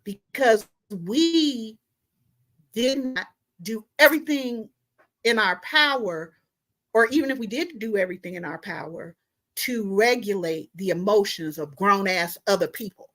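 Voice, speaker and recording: Hosting an online show, this woman talks straight to her viewers in an impassioned, informal and emphatic way, leaning on repeated tag questions. Her mid-range voice is animated and fairly bright, with a measured pace.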